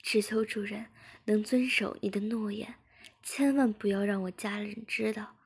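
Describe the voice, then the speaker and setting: A woman voicing a tearful, pleading young wife in a hushed, breathy whispered role-play. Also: mid-range voice, fairly even intonation, moderate pace, pitched above the performer's own voice.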